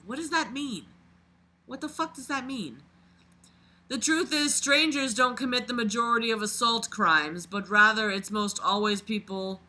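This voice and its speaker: This reader and commentator has a mid-pitched, very bright and sharp voice. The delivery is a dramatic, expressive, exclamatory read-aloud, regularly broken up by mocking asides full of swearing.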